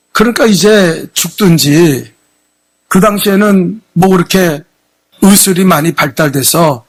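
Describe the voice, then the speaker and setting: Male senior pastor, high husky voice, emphatic sermon delivery, fond of rhetorical questions. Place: church sanctuary.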